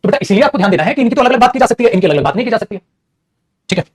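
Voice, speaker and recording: A man teaching English grammar in an animated, teasing classroom style, often calling his students "beta". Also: sits high, very fast, a little hiss or hum. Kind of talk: lively classroom lecture. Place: studio.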